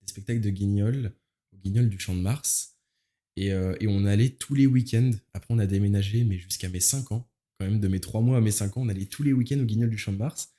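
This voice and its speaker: A nineteen-year-old man from Paris, France, a musical theatre performer, chats as an interview guest in a fairly low, warm voice at a fairly quick pace. He talks informally in youthful slang, hesitating as he searches for his words.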